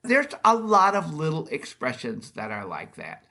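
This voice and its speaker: A man hosting a podcast who muses aloud in a relaxed way, with chuckling asides. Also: a little high, moderate pace. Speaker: podcast host. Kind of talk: casual conversation.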